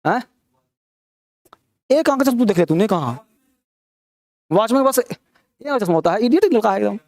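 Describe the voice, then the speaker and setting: A man's voice: sits high, sing-song, normal speed, a little mellow, no room sound. A man teaching an English grammar class, teasing and scolding his students as he quizzes them with rhetorical questions. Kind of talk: classroom lecture.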